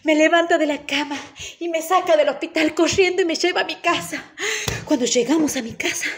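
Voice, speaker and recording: A young woman from Argentina performing a dramatic monologue, theatrical and shifting between hushed and loud passages. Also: high voice. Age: young adult. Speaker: acting student.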